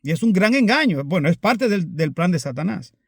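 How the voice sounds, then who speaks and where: High-voiced earnest male preacher. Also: big pitch swings, a little fast, vocal fry, no echo, studio quality. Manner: earnest, repetitive, addresses listeners as brothers. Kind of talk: sermon.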